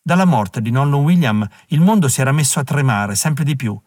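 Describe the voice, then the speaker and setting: A man reading an audiobook in a measured, even scripted narration, recorded on a close mic. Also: mid-range voice, dry recording.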